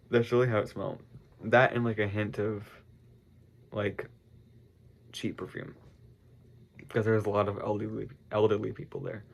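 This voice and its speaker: Gravelly and on the low side, this congested teenage boy from the US talks casually to the camera as a vlogger. His talk meanders, packed with "like" and "um," and he keeps revising what he just said.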